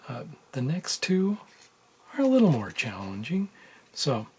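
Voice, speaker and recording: Narrating a soldering job at an indoor workbench, a man talks through the task in an informal, think-aloud tutorial style. His middle-pitched voice has a darkish tone and swoops wildly in pitch, and he takes his time; some room noise is audible.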